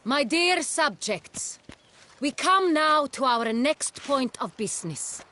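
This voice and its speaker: A stately, gracious duchess. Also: female voice, high-pitched, expressive, takes it slowly, pushed and bright, full character voice. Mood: ceremonial. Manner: formal, stately court speech. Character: gracious regal duchess, ruler of a realm.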